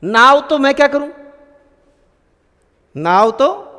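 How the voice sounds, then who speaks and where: A man voicing the grumbling word 'some', high and echoing. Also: animated, slow pace, pushed and bright, exaggerated voice. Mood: aggrieved. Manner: aggrieved, complaining. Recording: long reverb in a room.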